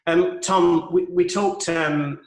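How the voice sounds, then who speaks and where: A man's voice: high voice, fairly even intonation, slow pace. A man hosting an online panel, chatting informally and teasingly as he introduces and questions guests. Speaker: host and moderator of an online panel. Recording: roomy echo on a video call.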